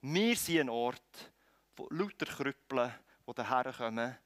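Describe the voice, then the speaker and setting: A man with a Swiss German accent preaching a sermon, swinging between loud calls and quiet, close lines. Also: medium pitch, lively intonation, measured pace, no echo. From Switzerland.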